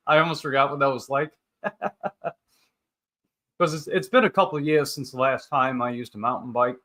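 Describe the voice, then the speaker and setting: Speaking at a moderate pace with long pauses, a thirty-year-old man in a mid-range, slightly bright voice runs a casual livestream. He rambles cheerfully through viewer comments, reading them out and answering as he goes.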